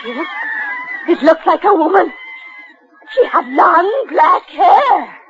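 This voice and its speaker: A woman's voice: very high-pitched, sing-song, slow pace, raised voice, heavily acted. An actress playing a frightened woman in a 1940s radio drama, agitated and breathless. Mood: alarmed. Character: frightened woman watching from the shore. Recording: lo-fi radio drama with crowd noise.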